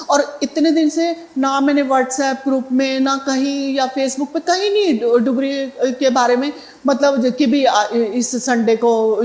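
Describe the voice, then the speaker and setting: A woman's voice: sits high, darkish tone, reverberant. A middle-aged woman sharing a devotional testimony in a conversational way, with fillers and restarts. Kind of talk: spoken satsang testimony.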